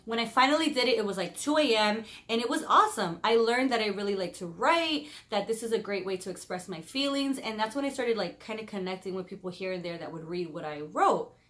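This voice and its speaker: A woman of about thirty talking to camera in a casual vlog, openly expressive and chatty, speaking of her faith. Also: medium pitch, brisk, few pauses. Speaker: vlogger.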